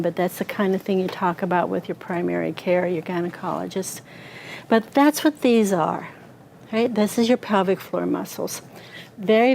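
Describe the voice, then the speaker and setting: A woman's voice: medium pitch, mellow, slight background noise. Woman explaining pelvic anatomy. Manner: conversational, asks the audience questions. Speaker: pelvic floor therapist. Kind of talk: health talk with anatomical model. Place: talk in front of an audience.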